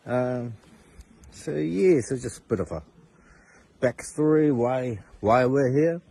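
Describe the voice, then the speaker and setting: A man's voice: mid-range voice, expressive, takes it slowly, vocal fry, dark tone, husky. A man in his forties with a Māori New Zealand accent, talking casually to his phone in hesitant short phrases. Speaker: father showing his family's living setup. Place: outdoors in rural land. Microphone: phone at arm's length. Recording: noisy handheld phone recording outdoors.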